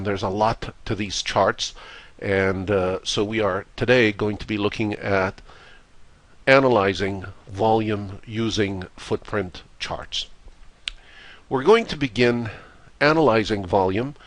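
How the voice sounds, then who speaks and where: A trading course instructor gives a slide lecture in a slightly low, hoarse, congested voice. He speaks in a measured way with frequent "uh" fillers between phrases, and the recording is close and dry with no room sound.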